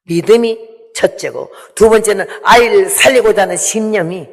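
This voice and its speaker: A woman's voice: mid-range voice, normal speed. A woman in her eighties, a missionary giving an emotional testimony sermon and acting out the dialogue she recounts. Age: 80s. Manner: emotional, acts out quoted dialogue. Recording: long reverb of a large hall.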